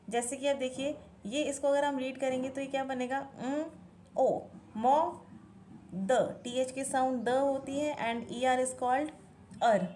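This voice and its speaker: A woman's voice: sits high, a little mellow, slight background noise. A woman hosting a home-teaching video who patiently explains spelling methods for children, mixing Hindi and English and spelling words out letter by letter. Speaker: parenting channel host teaching spelling methods.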